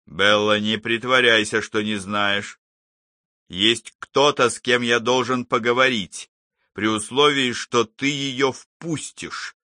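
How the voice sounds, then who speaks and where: A man voicing a calm, persistent male psychologist who gently coaxes a troubled patient in an audiobook. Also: mid-range voice, slow, dry recording, clean studio sound. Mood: coaxing.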